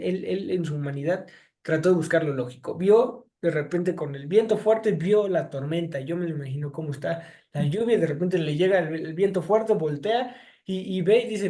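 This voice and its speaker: A man co-hosting a Bible discussion, retelling scripture scenes in a lively, storytelling way with acted-out quotes, over a video call. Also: high voice.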